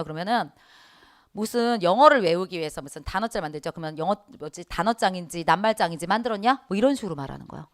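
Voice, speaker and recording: A middle-aged woman teaching an online exam-prep lecture in a smooth, resonant voice. She keeps her students engaged by asking them questions and then answering them herself, and she acts out the quoted dialogue. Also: medium pitch. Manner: lively, asks the class and answers herself. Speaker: Korean language exam instructor.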